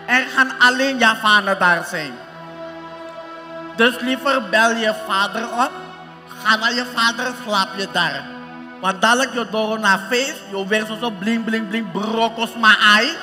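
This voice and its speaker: An actor playing a strict, scornful older mother-in-law with a Surinamese Dutch accent, scolding slowly in a live stage comedy. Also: very high voice. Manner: scolding, slow and emphatic. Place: large concert hall stage. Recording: long hall reverb, music behind.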